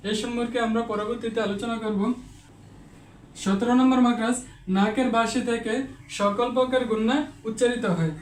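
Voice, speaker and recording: High-pitched guy teaching recitation, says each letter sound over and over, echoey room, sits back from the mic. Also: steady tone, normal speed, far from the mic. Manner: patient, repeats each letter sound several times as a drill. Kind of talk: step-by-step pronunciation lesson.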